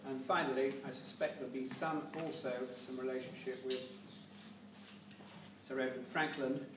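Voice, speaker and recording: A man's voice: medium pitch, fairly even intonation. Rambling older man speaking in an echoey room. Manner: rambling, digressive, halting. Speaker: family member giving a speech at a memorial gathering. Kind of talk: informal, unscripted eulogy speech. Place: large echoey room with a gathering. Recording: roomy, distant recording with background noise.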